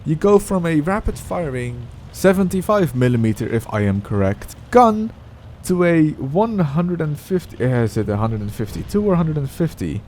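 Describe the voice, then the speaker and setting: A man's voice: a little high, sing-song, moderate pace, darkish tone, slight background noise. A man commentating over his own gameplay in a casual, rambling way, often stopping to correct himself. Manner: rambling, self-correcting, chatty.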